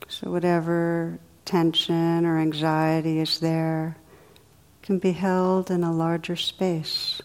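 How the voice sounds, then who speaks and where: A woman leading a guided meditation in a soothing, unhurried way, with soft, drawn-out phrasing. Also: on the low side, level tone, clean tone. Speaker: meditation teacher.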